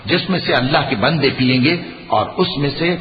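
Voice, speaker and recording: A man reading a scripted translation in a measured, formal way. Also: medium pitch, lively intonation, a little hiss or hum. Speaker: translation reader. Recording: dull, echoey hall sound.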